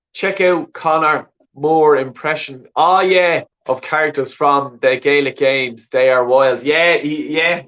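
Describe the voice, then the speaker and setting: With a medium-pitched, slightly bright voice, the Dublin-accented host rambles through viewer comments on his call-in show, swearing casually and saying "you know what I mean" a lot. The audio is dull and lo-fi.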